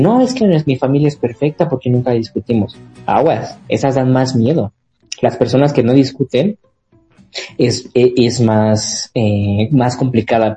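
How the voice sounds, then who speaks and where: A man's voice: mid-range voice, mellow. A man, a therapist hosting a live talk show about relationships, explaining in a conversational way with everyday examples and frequent fillers.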